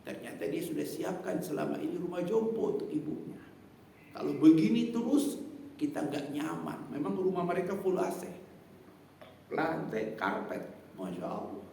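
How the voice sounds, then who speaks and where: A man preaching a sermon in a mosque, telling a story dramatically and swinging between hushed and loud. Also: on the high side, expressive, normal speed, vocal fry, a little hiss or hum. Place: mosque hall. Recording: very echoey hall, mic at a distance.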